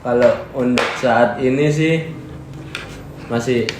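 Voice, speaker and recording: A man's voice: medium pitch, steady tone, slow pace. A teenage boy being interviewed as a guest, earnest and explaining step by step with small fillers. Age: teens. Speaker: student guest. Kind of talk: casual interview talk. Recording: roomy echo with faint noise.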